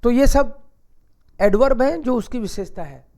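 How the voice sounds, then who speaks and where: A man's voice: very high-pitched, lively intonation, moderate pace, mellow. A man teaching German grammar in a casual, chatty classroom style, teasing and asking rhetorical questions.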